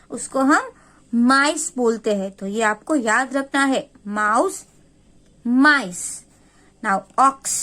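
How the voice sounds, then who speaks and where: A woman's voice: high-pitched, sharp tone. A woman teacher with an Indian English accent explaining grammar to young pupils, spelling words out letter by letter and answering her own questions. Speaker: primary school English teacher. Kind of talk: slow classroom explanation mixing Hindi and English.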